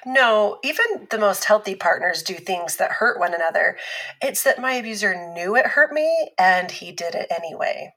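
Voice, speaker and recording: A female voice at medium pitch belongs to an actress portraying a patient, composed abuse survivor in a scripted fiction podcast, who lays things out in a steady, teaching way.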